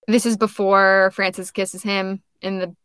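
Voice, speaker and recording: A young woman co-hosting a casual book discussion podcast, chatty, full of "like" fillers and quick laughs. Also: medium pitch, flat delivery, fairly bright tone, clean tone, no room sound, studio quality. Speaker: podcast co-host.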